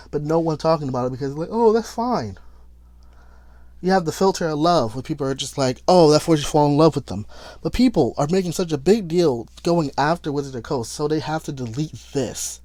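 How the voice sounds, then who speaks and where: A man commenting on a tabletop game, reading rules aloud in a rushed, stumbling way and arguing his point. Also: medium pitch, darkish tone, no echo. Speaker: YouTube commentator.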